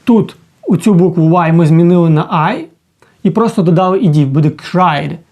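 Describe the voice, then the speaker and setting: A man teaching a casual video lesson as an English teacher, explaining slowly and often checking in with the listener. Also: on the high side, lo-fi sound.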